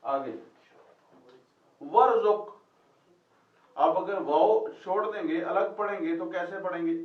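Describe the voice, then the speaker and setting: A Quran Arabic teacher leads a classroom lesson, quizzing students and repeating their answers back. His voice sits high at normal speed. Recorded from a distance, the sound is roomy and muffled.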